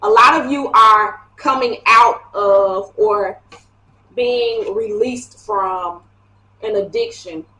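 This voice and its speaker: A woman reads tarot cards in a casual, chatty way and laughs often as she goes. Her voice sits a touch high. The room around her is echoey. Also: takes it slowly, pushed and bright, slight background noise. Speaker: tarot reader. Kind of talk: casual tarot reading to camera.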